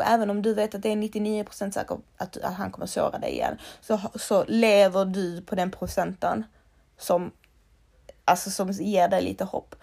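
A woman's voice: mid-range voice, gravelly, darkish tone. A young woman giving blunt, emphatic advice straight to the listener, swearing freely and repeating herself for emphasis. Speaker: advice-giver. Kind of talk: heartfelt direct-to-camera advice.

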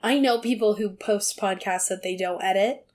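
An American woman co-hosting a podcast in casual, joking banter, her voice raspy like a longtime smoker's and hoarse from a sore throat. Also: medium pitch, moderate pace, a little mellow. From California, US. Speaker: podcast co-host.

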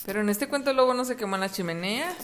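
A woman reading a story aloud to children in a gentle, expressive way and asking them questions. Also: mid-range voice, racing, slight background noise.

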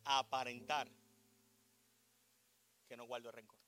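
A middle-aged man with a Puerto Rican accent preaching a sermon, shifting from loud declarations to quiet asides. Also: mid-range voice, flat delivery, measured pace. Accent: Puerto Rican Spanish. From Puerto Rico. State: short of breath. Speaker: pastor.

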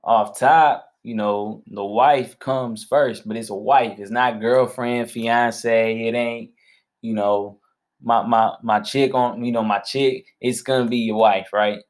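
A man's voice: mid-range voice, fairly even intonation, slow pace. Hyped, slangy man co-hosting a podcast. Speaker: podcast co-host. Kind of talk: casual chat.

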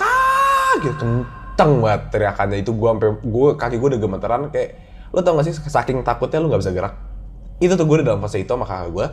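Pria bercerita horor dengan logat Jakarta. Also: male voice, mid-range voice, slight background noise. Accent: Jakarta slang. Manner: animated storytelling, acts out his own childhood voice. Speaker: guest storyteller. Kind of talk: casual podcast chat, telling a ghost story.

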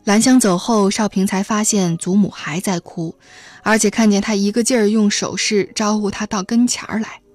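A woman narrating a novel aloud in a steady storytelling manner. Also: medium pitch, moderate pace, dry recording. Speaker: audiobook reader.

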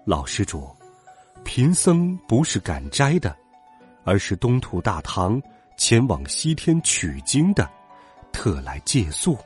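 A man voicing a gentle, humble monk master in a storybook, speaking softly and slowly. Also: fairly low pitch, huge pitch swings, soft background music, full character voice. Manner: soft, slow and humble. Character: gentle, timid old-style monk master, male.

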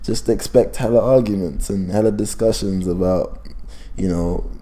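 Young London roadman-accented guy, mellow voice. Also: sits low, normal speed. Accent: London, urban street. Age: young adult. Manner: slangy, argumentative. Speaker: podcast host. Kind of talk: casual podcast debate. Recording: clear background noise.

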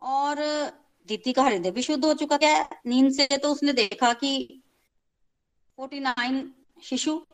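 A woman's voice: high voice, unhurried, low-quality recording. A woman retelling a scripture story in a casual, conversational way, repeating phrases for emphasis, speaking to her listeners and mixing in English words.

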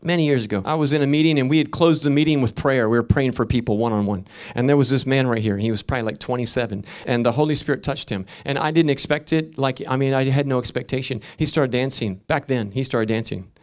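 A man preaching a sermon as a pastor, swinging from loud emphatic peaks to quiet storytelling, with rhythmic repetition. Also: medium pitch, fast, hardly any pauses.

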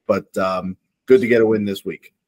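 A low-voiced man chatting with friends on a podcast. He rambles through long stretches of analysis without pausing for others. The sound is close and dry. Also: steady tone, a little mellow, no echo. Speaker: podcast co-host. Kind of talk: casual chat among friends.

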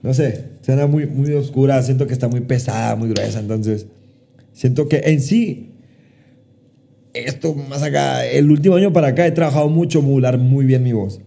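A man's voice: medium pitch, normal speed, vocal fry, warm tone. A man, a musician guest on a casual podcast, speaking in an earnest, drawling way as he explains at length. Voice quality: drawling delivery.

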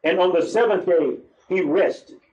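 A man reading scripture aloud in a steady, formal way during a street sermon. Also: sits high, unhurried, roomy sound, lo-fi sound. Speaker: scripture reader.

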